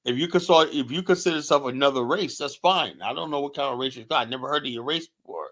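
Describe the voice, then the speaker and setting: A man's voice: medium pitch, fast, a bit bright. Blunt American man ranting on a stream. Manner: blunt, repetitive, peppered with "you know"; mocks others by quoting them in put-on voices. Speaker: commentary streamer host. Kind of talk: heated political commentary monologue.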